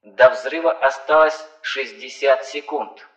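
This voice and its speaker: A man reading an audiobook, voicing a calm, impassive ship computer that makes flat, measured countdown announcements over an echoing intercom. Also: medium pitch, dull audio, voice pushed up. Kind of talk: audiobook narration.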